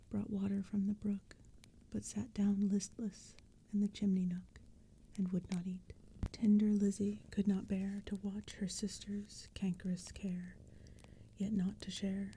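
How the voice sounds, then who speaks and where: Softly backed by crackling fire and forest ambience, a woman whispers poems for an ASMR reading. Her voice is breathy, medium in pitch, and very dark and mellow, moving slowly and steadily with a flat, gentle melody.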